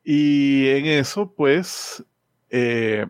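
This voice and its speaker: A man's voice: medium pitch, drawn-out words, smooth, dry recording, studio quality. A man, chatting casually and rambling through a comic book's story with many fillers and restarts.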